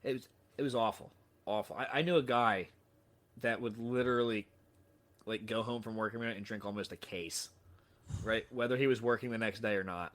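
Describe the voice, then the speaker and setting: A man's voice: lowish voice, brisk, a bit bright. A man telling a story as a podcast guest, with lots of restarts, casual swearing and self-deprecating humor. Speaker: podcast guest, sales trainer.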